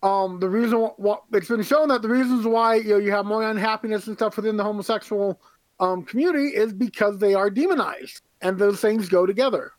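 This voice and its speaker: A man's voice: sits high, brisk, dry recording. A man co-hosting a casual podcast chat, talking hesitantly with lots of fillers and restarts. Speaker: podcast co-host.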